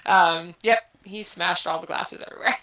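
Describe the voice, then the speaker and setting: A woman's voice: lowish voice, moderate pace, pushed and bright, echoey room, low-quality recording. A woman chatting casually in an online group call, upbeat and giggly, running through event announcements. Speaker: community event organizer.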